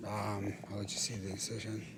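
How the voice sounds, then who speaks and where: A middle-aged man with a fairly low voice speaks over clear background noise in a room. His delivery is casual, subdued and halting, like a patient recording an informal update, with frequent throat clearing. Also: monotone. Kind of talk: casual vlog monologue. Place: hospital room. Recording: clearly noisy room ambience.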